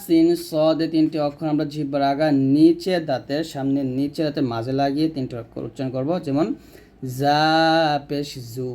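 A man gives a patient recitation lesson, explaining each sound and then drawing out the practice syllables very slowly. His voice sits a little high for a man. It has a mellow, dark tone. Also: little pitch movement. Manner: slowly drawn-out demonstration syllables between explanations. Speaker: Quran recitation teacher. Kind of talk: step-by-step pronunciation lesson.

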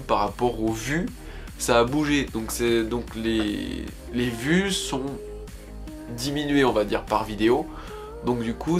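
A young man in a medium-pitched voice. He chats casually to camera like a YouTube vlogger, recorded indoors at home. Music plays behind him. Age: 20s.

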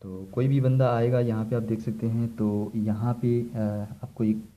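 The recording sounds muffled as a medium-pitched man speaks unhurriedly with little pitch movement. He's an electrician doing an informal hands-on product demonstration indoors, filming equipment on the floor, explaining each step and going over things repeatedly.

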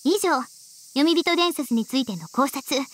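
High-voiced, refined young heiress. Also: female voice, animated, unhurried. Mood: composed, earnest. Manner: formal, ladylike polite speech. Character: refined, proud teenage rich-girl heiress, polite and earnest. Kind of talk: Japanese visual novel game acting.

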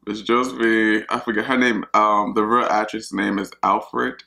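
A man chats on camera between bites, rambling and talking straight to his viewers. His voice is bright and forceful, and it rings through an echoey home kitchen. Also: fairly low pitch, little pitch movement, moderate pace, creaky. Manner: chatty, rambling, talks to viewers as y'all. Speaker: mukbang vlogger. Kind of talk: casual chat while eating.

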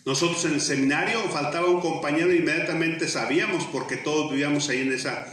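Male priest, middle-aged, slightly high voice, liturgical reading and homily, cathedral echo, distant mic. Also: steady tone, fast talker, fairly bright tone. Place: indoor church, cathedral-like echo. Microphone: handheld mic through speakers, recorded from far camera. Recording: echoing church, distant mic, faint noise.

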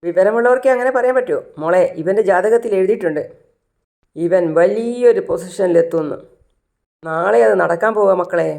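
A man's voice: high-pitched, moderate pace, vocal fry, darkish tone. A narrator voicing a proud, jovial father who boasts about his son.

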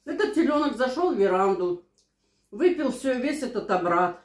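A woman's voice: on the high side, big pitch swings, normal speed. A woman in her sixties chatting casually and telling anecdotes over a meal at home. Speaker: mukbang vlogger. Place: small living room at home, indoors. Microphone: camera across the table. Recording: roomy, echoing home room.

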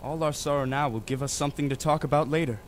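A man's voice: on the high side, fairly even intonation, fast talker, a little hiss or hum, natural voice. A young man playing a tender young lover saying farewell at dawn. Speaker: student actor in a school reading.

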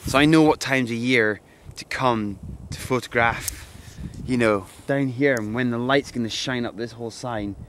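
A young man narrates an outdoor vlog, eagerly talking through his landscape photography plans on a breezy hilltop despite having a cold. He speaks at a moderate pace in a medium, slightly bright voice. Wind noise hits the hand-held camera mic, which moves between close and far.

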